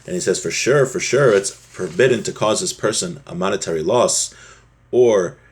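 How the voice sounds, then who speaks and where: A Torah teacher with a low, slightly breathy voice speaks at a moderate pace, giving an informal lesson on a religious text. He reads and explains conversationally, acting out short examples as he goes.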